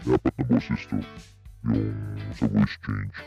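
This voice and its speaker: A man demonstrating a sound card, his speech run through a deep pitch-shifted voice changer, explaining in a slow, halting way. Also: level tone, creaky, mellow, highs cut off, soft background music, heavily acted. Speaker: gear reviewer. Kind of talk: casual product demo.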